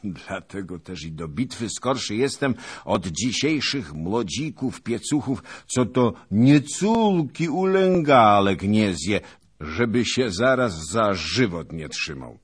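A man voicing a boastful, gluttonous old nobleman soldier who talks loudly and patronizingly in an audiobook. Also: lowish voice, sing-song, slow, husky, voice pushed up, heavily acted. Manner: pompous, patronizing, loud.

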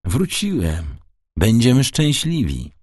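A man's voice: mid-range voice, wildly swooping pitch, takes it slowly, a little mellow, slightly rough, no room sound, clean studio sound, voice pushed up, heavily acted. A man voicing an eager young sailor son who speaks earnestly and urgently.

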